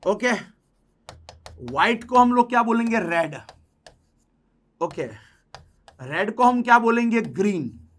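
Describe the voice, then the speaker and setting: A young male teacher talks through exam puzzles in a loose, bantering way. His voice sits high for a man. He slows right down whenever he reads a question aloud. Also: expressive. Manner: chatty, jokey, slows down to read English questions aloud. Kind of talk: casual explanatory lesson.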